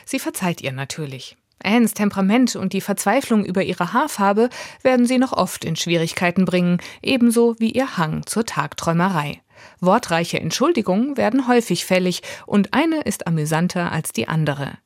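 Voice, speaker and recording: A woman presenting a scripted audiobook review in a lively, clear way. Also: medium pitch, normal speed, no echo, clean studio sound. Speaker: book reviewer.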